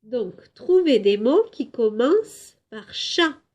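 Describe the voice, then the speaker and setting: A woman teaching a home lesson to young children, slowly clapping out syllables and drawing out words for them. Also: on the high side, very animated, a little mellow. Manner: slow, clear syllable-by-syllable teaching; drawn-out, emphatic words for children. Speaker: kindergarten teacher.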